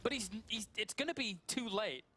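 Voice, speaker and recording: A man's voice: sits high, animated, normal speed, pushed and bright, a little hiss or hum. A man co-casting a live strategy game match, agreeing with his partner and adding play-by-play. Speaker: esports co-caster.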